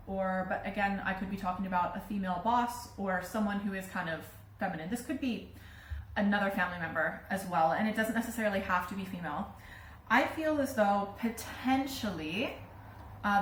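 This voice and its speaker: A woman's voice: medium pitch, reverberant, a little hiss or hum. A woman with a British accent giving a casual tarot reading, talking in a chatty way with many fillers. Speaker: tarot reader.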